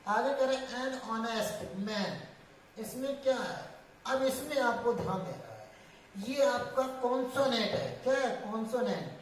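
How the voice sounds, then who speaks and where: A woman's voice: a little high, animated, unhurried, a little hiss or hum. Woman teaching in an echoey room. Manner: repeats and restarts, asks and answers own questions. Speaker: English grammar teacher. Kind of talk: classroom explanation. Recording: distant echoey room sound.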